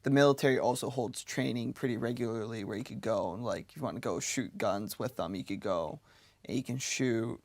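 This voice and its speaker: A man's voice: medium pitch, fairly quick, a little mellow, no room sound. A young man in his twenties, a radio guest talking casually and rambling with many fillers. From United States.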